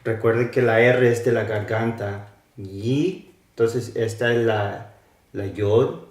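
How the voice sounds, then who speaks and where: A man teaching a slow lesson on old alphabets, spelling out letters and sounds with hesitations. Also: on the low side, echoey room, recorded from a distance.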